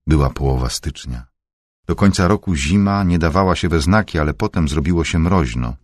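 A man narrates an audiobook in a measured, even way. His voice sits extremely low and carries a husky edge. The recording is dry and close, with no room around it. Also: dry recording.

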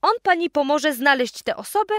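A woman playing a hurried, flustered mother. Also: sits high, lively intonation, no echo, studio quality, voice pushed up. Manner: hurried, fretful.

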